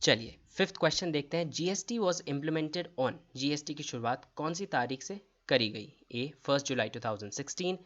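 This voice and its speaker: A man's voice: fairly high pitch, normal speed, few pauses, a bit bright, muffled recording. A man running an exam-prep quiz lesson, reading each question and its options aloud before explaining the answer. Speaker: quiz tutor.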